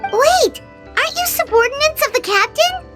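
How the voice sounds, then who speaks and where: A woman voicing a tiny, childlike, outspoken sidekick creature in a video game, squeaky and exclamatory. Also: animated, moderate pace. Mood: indignant. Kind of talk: video game character acting. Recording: loud playful game music behind.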